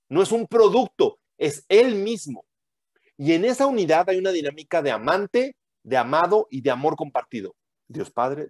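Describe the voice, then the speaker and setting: Guy preaching to a group, kinda high voice, asks lots of rhetorical questions, dry sound. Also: no room sound. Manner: emphatic, rhetorical questions, frequent tag questions. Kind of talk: teaching sermon to a group.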